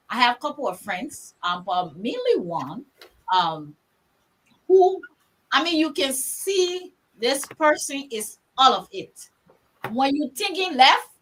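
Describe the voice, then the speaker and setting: A Liberian woman speaks with a high, lively voice that swings up and down as she leads the panel. Her tone is bright and sharp, and she tells stories emphatically, repeating words to drive them home. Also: slight background noise, rough recording. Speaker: discussion moderator. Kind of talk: panel discussion.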